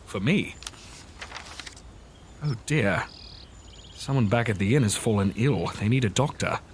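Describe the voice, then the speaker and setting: An actor playing a kindly, steady doctor who looks after children in an audio drama, with faint noise behind him. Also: male voice, lowish voice, unhurried. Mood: calm, steady.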